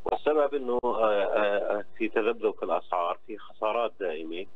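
Fast, low-voiced Palestinian man on phone. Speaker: phone-in guest, agriculture official. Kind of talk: interview answers, explaining. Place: on the phone to a radio studio. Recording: dull phone line with clear hum.

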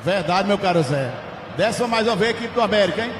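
A Brazilian man reports on football in emphatic, colloquial commentary. His voice is high, and it rings with echo in a noisy stadium recording. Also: animated, fast talker.

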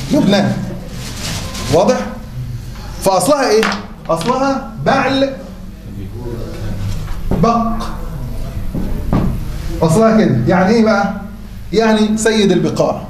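A man with an Egyptian accent teaching a class, who keeps asking the students questions and then answering them himself. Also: high voice. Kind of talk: classroom lecture. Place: classroom or mosque hall. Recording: roomy hall with faint noise.

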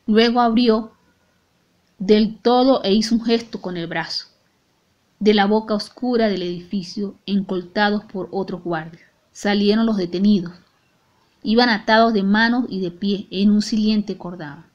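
A woman with a Latin American Spanish accent narrating an audiobook in a measured, grave tone. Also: medium pitch, darkish tone, muffled recording. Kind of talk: audiobook reading.

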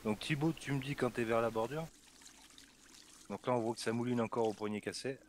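A man cracking jokes and teasing his friends as they play together over voice chat. His voice sits at an ordinary middle pitch, with a light hiss on the line. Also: brisk, low-quality recording. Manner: joking, teasing, chatty. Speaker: gamer commentating. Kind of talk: casual group chat over voice call.

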